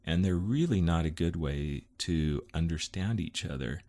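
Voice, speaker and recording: Deep-voiced middle-aged man, easygoing chat. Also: dark tone. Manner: easygoing, halting with fillers and restarts. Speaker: podcast co-host. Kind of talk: casual chat.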